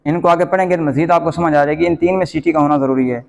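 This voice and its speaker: A man with a Pakistani Urdu accent gives a slow beginner's lesson, drawing out each letter sound and calling it out loudly. His voice sits slightly high. The recording rings with a long, hall-like reverb. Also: creaky, slight background noise. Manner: patient, repeats letter sounds slowly and loudly. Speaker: Quran reading teacher.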